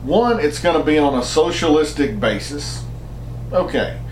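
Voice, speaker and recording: A man's voice: on the high side, lively intonation, moderate pace, a little mellow, a little hiss or hum. American male commentator, pushy opinion rant, slightly raised voice, echoey room. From United States. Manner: emphatic, argumentative, repeats words while restarting. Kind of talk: opinion monologue.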